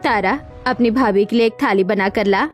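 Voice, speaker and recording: A woman voicing a kind, motherly mother-in-law who speaks gently and reassuringly in a dramatized moral story. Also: medium pitch, moderate pace, soft background music, close to an everyday voice. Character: kind, caring middle-aged mother-in-law.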